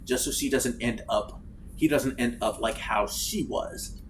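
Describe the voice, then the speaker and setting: A man chatting casually while playing a game, swearing freely and breaking into loud outbursts. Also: medium pitch, measured pace, a little hiss or hum. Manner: animated, swears freely, bursts into shouts. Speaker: gaming streamer. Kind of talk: casual let's-play chat.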